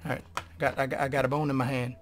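A man's voice: medium pitch, level tone, rapid-fire, slight background noise. Jumpy, nervous man gaming. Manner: jumpy and nervous, swears, drops to whispers. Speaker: gamer playing a horror game. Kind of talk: let's play commentary. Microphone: desk microphone.

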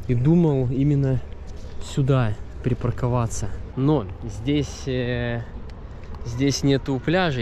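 Rambling cheerfully as he strolls a seaside harbor, a man in his thirties films himself with the camera at arm's length for a casual travel vlog. His voice is mid-range and mellow. Wind and street noise come through from outside.

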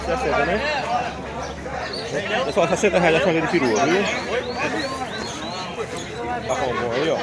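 A man's voice: on the high side, lively intonation, unhurried, pauses often. A man touring an outdoor animal market with a phone, chatting with sellers and talking to his viewers. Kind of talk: casual walk-and-talk vlog. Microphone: handheld phone camera. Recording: loud crowd at outdoor market.

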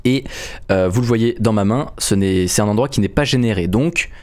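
A man hosting a casual gameplay chat, playful and joking, quick to get excited. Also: lowish voice. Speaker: gaming video host.

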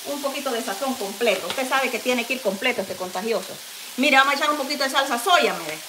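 This cooking vlogger talks fast in a high, animated voice with a Guatemalan Spanish accent, chatting homily as she cooks at home and endlessly saying "mire" and "mamayita." Her echoey kitchen is noisy, and a pan fries and sizzles behind her.

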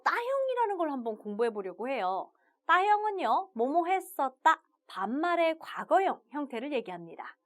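A woman teaching a video language lesson, upbeat and chatty, opening her phrases with a bright "자". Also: high voice.

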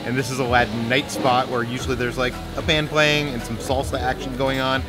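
A man co-hosting a travel vlog, explaining things in a relaxed way with light humor. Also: medium pitch, fairly quick, over loud music. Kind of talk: casual chat and voice-over narration.

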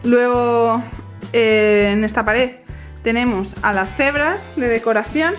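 A woman's voice: on the high side, slow pace, soft background music. A young woman in her twenties giving a chatty, casual tour of her apartment, filmed on a handheld camera. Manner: chatty, addresses viewers directly. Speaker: vlogger giving a house tour. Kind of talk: casual house tour narration. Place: small apartment living room, indoors.

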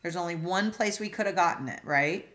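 A woman's voice: lowish voice, a little fast, a bit bright. A woman instructor teaching a logic class over a video call, asking students questions, with frequent fillers and restarts. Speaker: philosophy instructor. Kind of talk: online class lecture.

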